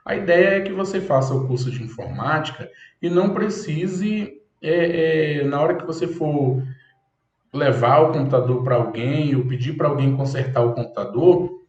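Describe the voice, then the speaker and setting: A man's voice: a little high, moderate pace. A man teaching a computer course, explaining step by step and checking in with "ok?" often. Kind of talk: classroom lecture. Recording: echoey room, dull lo-fi sound.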